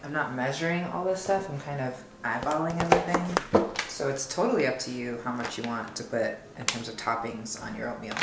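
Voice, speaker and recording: A young woman narrates each step of a recipe while she works, speaking informally and without a script, much like a home vlogger. Her voice is notably low. The space echoes clearly, with noticeable clanking of pots and utensils.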